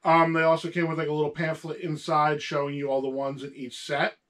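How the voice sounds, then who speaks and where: A man's voice: fairly high pitch, monotone, a little fast, fairly bright tone. A man with a sore throat hosting a casual show-and-tell about his toy collection, patiently talking along with a young co-host.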